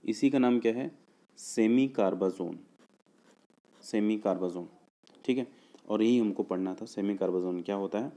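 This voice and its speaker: A man's voice: fairly low pitch, warm tone. A man teaching a chemistry lesson for exam students, explaining step by step and asking and answering his own questions. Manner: checks understanding with "clear?" and "okay"; slows down to spell out formulas piece by piece.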